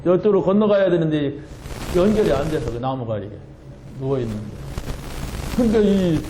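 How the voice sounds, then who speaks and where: A man preaching a sermon as pastor, telling a story with animated, laughing delivery. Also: a little high, roomy sound, a little hiss or hum, poor audio. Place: church sanctuary.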